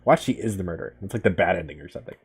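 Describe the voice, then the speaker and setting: A man's voice: deep voice, expressive, very fast, creaky, breathy edge. A man hosting a let's play of a visual novel, reading the story aloud dramatically and adding joking asides. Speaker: gaming channel host.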